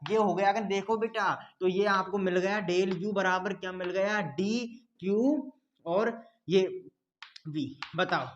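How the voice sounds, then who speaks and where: A man's voice: high-pitched, takes it slowly, muffled recording. A man teaching an online lesson who says each point several times and answers for his own students, calling them "beta". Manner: repeats points in call-and-response; calls listeners "beta".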